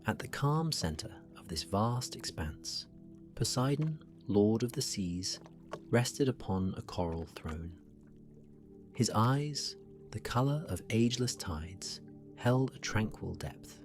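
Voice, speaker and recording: A man working as a sleep story narrator, guiding relaxation in a gentle, soothing, hushed delivery that drifts toward a whisper. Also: on the low side, animated, over music. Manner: slow, gentle, soothing, often falling near a whisper.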